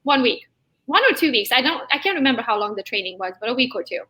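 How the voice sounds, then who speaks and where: A woman of about forty, a real estate agent appearing as an interview guest, speaks fast in a bright, fairly high voice. Hungarian is her first language, and she grew up in Transylvania, Romania. She tells lively stories and laughs often.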